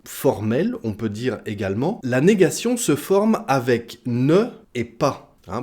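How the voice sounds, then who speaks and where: A man teaching an online French lesson who talks in a lively, demonstrative way and repeats example phrases slowly and then quickly. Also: mid-range voice.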